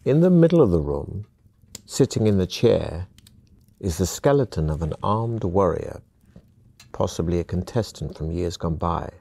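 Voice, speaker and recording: A man giving steady, measured second-person scripted narration for an adventure game. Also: low voice, vocal fry, slightly rough, no echo.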